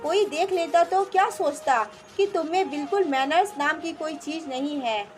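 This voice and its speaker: A woman's voice: sits high, moderate pace, soft background music, lightly acted. A woman reading the lines of a strict, bossy middle-aged mother-in-law who scolds her daughter-in-law, in a storybook narration. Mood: scolding. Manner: commanding, scolding.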